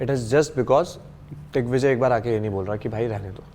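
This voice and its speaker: A young man in a casual interview, pressing his points hard and dropping English phrases into his sentences. His voice sits at an ordinary mid pitch. A faint hum of background noise runs behind him. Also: fairly quick, a little mellow. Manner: emphatic, argumentative, mixes in English phrases. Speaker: interview guest, reality show contestant.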